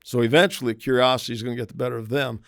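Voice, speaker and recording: A man's voice: mid-range voice, fairly even intonation, racing, gravelly, no echo, studio quality. A man, a private investigator, talking through safety tips in a conversational podcast interview, often acting out quoted voices. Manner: conversational, acts out quoted voices, emphatic warnings.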